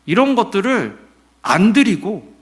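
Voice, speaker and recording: A middle-aged pastor's high voice carries his Sunday sermon at a measured pace. He's animated and conversational, posing questions to the congregation and acting out quotations.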